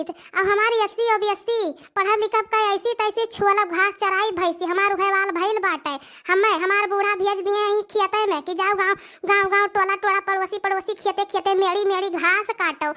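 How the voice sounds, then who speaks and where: Her pitch is extremely high, pushed and bright: a young Awadhi-accented woman voicing a complaining, overworked village daughter-in-law in a cartoon comedy, saying lines over again to stress them.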